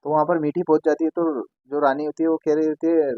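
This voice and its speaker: A man's voice: a little high, little pitch movement, fast talker, no echo. A man casually retelling a TV serial episode in a rambling way, full of fillers and restarts. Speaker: TV serial recap narrator. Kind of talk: casual episode recap narration. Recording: tinny phone-like dry sound.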